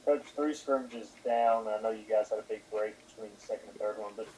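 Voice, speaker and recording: Brief: male reporter, low mellow voice, loose trailing phrasing. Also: steady tone, a little fast, slight background noise, rough recording. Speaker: sports reporter. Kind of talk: press conference question.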